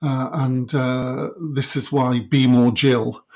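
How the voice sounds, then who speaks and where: A middle-aged man with a Welsh Valleys accent, talking reflectively and a little haltingly as an interview guest. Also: mid-range voice, flat delivery, darkish tone. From South Wales Valleys.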